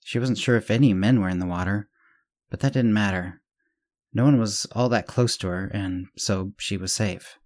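A man narrating a serialized story as the show's host, at a slightly low pitch. His reading is measured and even, with the odd restart. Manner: measured reading with small self-corrections.

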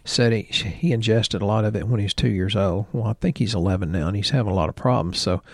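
A man in his sixties chats on a health podcast with a gravelly, rough-edged voice. He rambles into side stories and drops joking asides. The sound is dry and close, with no room around it. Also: fairly low pitch, fast, no room sound. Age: 60s. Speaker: podcast co-host, health practitioner. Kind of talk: casual health podcast chat.

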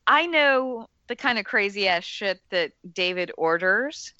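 A woman with a slight Southern accent riffs through a movie commentary at an unhurried pace. Her voice is bright, and she laughs easily and swears without thinking. The recording sounds dull and lo-fi, close and dry. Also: medium pitch, lively intonation, dry recording. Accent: slight Southern American. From American South. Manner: laughs often, swears freely, trails off. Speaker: podcast co-host.

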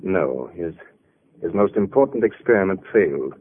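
An earnest, weary doctor of vintage radio drama. His voice is fairly low and formally authoritative, on a tinny recording with a light hiss. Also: sing-song, normal speed, vocal fry, heavily acted. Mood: weary, reflective. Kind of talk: 1940s radio drama acting.

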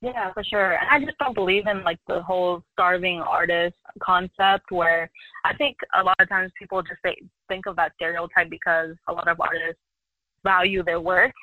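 A young woman with a bright, forceful voice chats freely as a guest on an interview show. She rambles a little and leans on "like" fillers. The sound is dry and close, with no room around it. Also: lowish voice, steady tone, normal speed, no room sound, low-quality recording. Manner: talkative, loose, many "like" fillers. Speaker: podcast guest. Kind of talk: casual interview chat.

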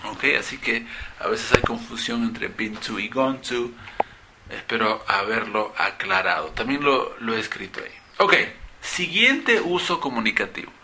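A man's voice: mid-range voice, expressive, unhurried, noisy background. A man teaching English grammar in Spanish, animatedly acting out example questions in English. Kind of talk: explaining grammar to students.

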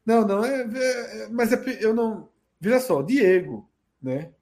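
A man's voice: sits high, unhurried, gravelly, over a noisy crowd. A man chatting casually as a podcast co-host, full of slang and swearing. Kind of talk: casual chat, anecdotes about betting.

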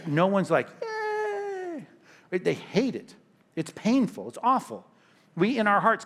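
A male pastor delivers a sermon in a fairly high voice. His talk is emphatic and repetitive, with punchy stressed lines set against hushed, quieter asides.

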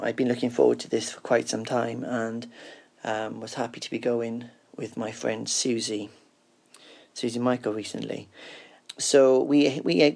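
A man gives an informal, first-person event report. His pitch is average and moves very little, staying flat and even. A noticeable creak runs through his voice. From Cardiff, UK. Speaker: roving reporter.

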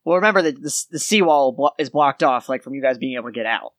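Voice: mid-range voice, animated, quick pace, no room sound, studio quality. A game master narrating a tabletop game in an informal, descriptive way.

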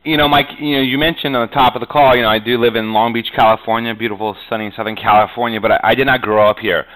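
On a podcast, a middle-aged New England real estate agent recounts how his career unfolded, chatting casually, wandering off track and leaning heavily on "you know." His medium-pitched voice is fairly bright and fairly even in intonation, moving at a quick pace. It's a low-quality recording.

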